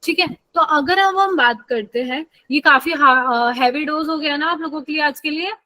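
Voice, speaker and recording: A woman's voice: high voice, normal speed, sharp tone, no room sound, rough recording. A woman teaching a live online biology class in a chatty way, often checking that students follow.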